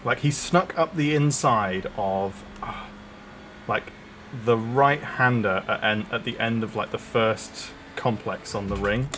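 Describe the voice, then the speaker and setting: A man's voice: on the low side, slow, a bit bright, a little hiss or hum. A man streaming a sim race, chatting casually and swearing freely while he drives. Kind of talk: casual gaming chat.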